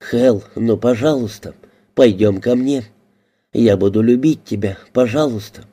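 A man reading the lines of a defiant woman with a hidden past, answering in sharp, defensive retorts. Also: medium pitch, measured pace, slightly rough. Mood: pleading.

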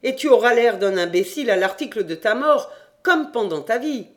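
A man reading aloud and voicing a panicky, boastful young man who talks fast and excitedly in an audiobook. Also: extremely high pitch, voice pushed up. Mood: mocking. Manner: rapid, agitated, shouting.

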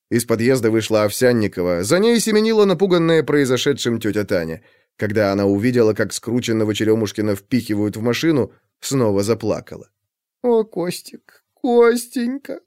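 A man narrating a crime story as a scripted audiobook, in an expressive, dramatic way. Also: mid-range voice, smooth, no echo, studio quality.

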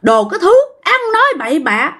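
A bitter old ghost man, played by a woman storyteller, speaking. His voice sits high and swings widely in pitch as he berates in coarse, repetitive bursts. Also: big pitch swings, moderate pace, bright, forceful tone, heavily acted. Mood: furious. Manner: scolding, coarse, repeats himself. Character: vengeful old male ghost, scolding and bitter.

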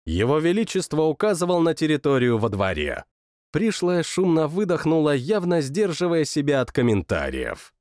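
A man narrating a first-person story in an expressive storytelling manner. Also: fairly high pitch, moderate pace, no room sound, clean studio sound. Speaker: audiobook narrator.

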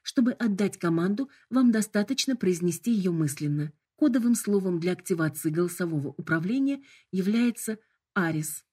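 A woman's voice: lowish voice, expressive, moderate pace, warm tone, breathy edge. A woman voicing a sickly sweet, politely formal female hologram assistant.

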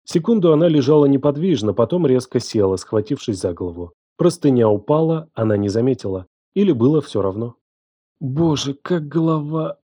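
A man narrating a first-person novel in a low, guilt-laden storytelling manner, close to the mic. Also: warm tone, no echo. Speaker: audiobook narrator.

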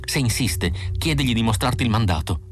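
A man's voice: medium pitch, lively intonation, a little fast, faint music behind, natural voice. A man doing a frightened female android hissing instructions. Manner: tense, hushed urgency.

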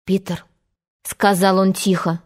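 A woman narrating a children's storybook aloud in an expressive, steady manner. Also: mid-range voice, measured pace. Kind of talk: storybook reading.

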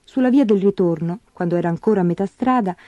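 A woman narrating a fairy tale aloud in a gentle, expressive storybook manner. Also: mid-range voice, fast, dry recording, muffled recording.

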